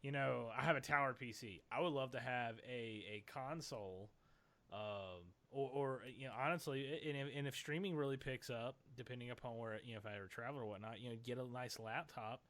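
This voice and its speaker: A man's voice: mid-range voice, fairly quick, a bit bright. A man, co-hosting a casual chat podcast and talking in a rambling way with many restarts. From Tennessee, USA. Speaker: podcast co-host.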